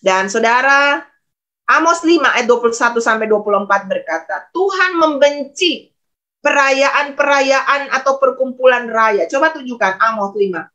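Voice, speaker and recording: Bright-voiced woman pastor preaching. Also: high-pitched, lively intonation, normal speed, dull audio. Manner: conversational storytelling, often addressing the congregation. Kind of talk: testimony sermon.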